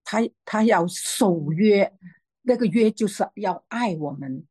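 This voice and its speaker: A woman sharing a personal faith testimony, hesitant with frequent restarts and fillers, growing lively as she tells a story. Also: mid-range voice, slow, husky, no room sound. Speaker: church member sharing a testimony.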